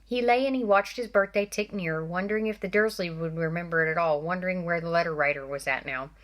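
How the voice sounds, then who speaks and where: Speaking fast in a fairly low voice, a woman teacher reads a novel aloud to children. Her reading is expressive, broken by asides directed at her listeners.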